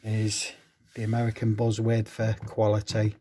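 A man's voice: lowish voice, completely flat delivery, moderate pace, warm tone, slight background noise. A man from England, hosting a casual unboxing chat about diecast models, full of fond exclamations. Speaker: host of a diecast collecting channel.

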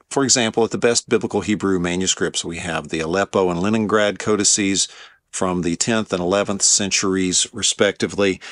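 A man teaching about the biblical languages in a measured, explanatory lecture, with the odd filler as he works through a point. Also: deep voice, a bit bright, dry recording.

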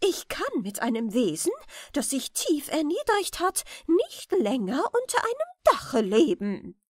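A woman voicing an imperious, indignant queen in a fairy tale audiobook, scolding in shrill outbursts. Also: big pitch swings, unhurried, darkish tone, no room sound, studio quality, full character voice. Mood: furious.

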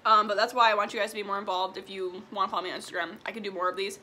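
Very fast and sharp-toned, her medium-pitched voice stays fairly even in intonation, with slight background noise. She's a twenty-year-old vlogger from Illinois eating and chatting casually as she answers viewer questions in a mukbang Q&A, recorded indoors in a small room at home, with frequent "like" and "um."

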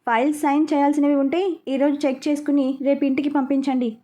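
Woman reading a young man, teasing, matter-of-fact, high voice, mellow tone. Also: flat delivery, fast talker, natural voice.

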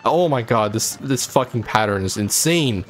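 A man's voice: mid-range voice, animated, normal speed, soft background music. Foul-mouthed young man trash-talking a game boss. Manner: swears constantly, trash-talks the boss, rambling jokes. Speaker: gaming channel host. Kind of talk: profane let's-play commentary. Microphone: desk microphone.

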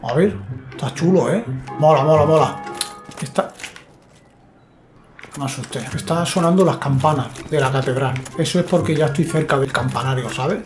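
A man with a Spain Spanish accent giving chatty, excitable gameplay commentary, talking to himself and his viewers. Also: a little high, moderate pace, pauses often. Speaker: gaming YouTuber. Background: game music.

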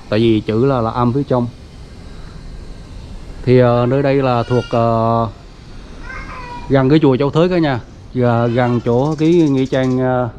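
A man's voice: mid-range voice, mellow, slight background noise. A man vlogging as he walks around a family grave site, talking casually with lots of fillers and speaking to his viewers directly. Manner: chatty, many fillers, addresses viewers as everyone. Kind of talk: casual walking tour narration. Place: outdoors at a cemetery gate. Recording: dull lo-fi outdoor recording.

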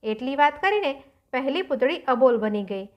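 A woman with a high voice reads a folk tale aloud, expressive and rhythmic in her storytelling. She tells it at a steady reader's pace. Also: moderate pace.

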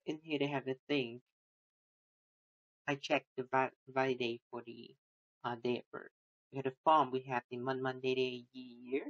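A student presents a coding project in a screen-recorded code walkthrough, speaking at medium pitch. He halts often, restarts, uses many fillers, and his phrasing is non-native. The recording sounds dull and lo-fi.

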